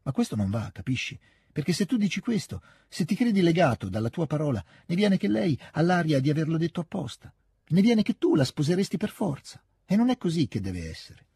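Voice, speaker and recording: A man voicing an excitable, earnest fifteen-year-old girl in an audiobook reading, with lively, insistent outbursts. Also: medium pitch, normal speed, slightly rough, no echo, clean studio sound.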